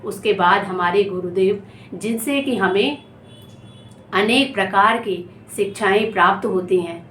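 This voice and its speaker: A woman narrates a moral story in a calm, gentle, explanatory way. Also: medium pitch. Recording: echoey room, faint background noise.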